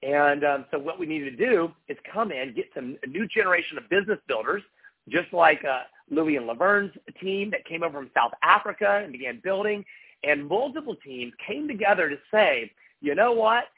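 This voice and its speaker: A man's voice: on the high side, very animated, a little fast, slightly rough. A middle-aged man giving a motivational business talk as a company executive, with polished, upbeat corporate enthusiasm and emphatic delivery. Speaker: company executive addressing distributors. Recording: thin, muffled telephone line.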